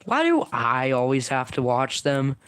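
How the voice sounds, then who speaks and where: A man's voice: mid-range voice, wildly swooping pitch, measured pace, a bit bright, clean tone. A man voicing a complaining young character who whines about always being left behind. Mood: whiny. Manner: complaining, whiny.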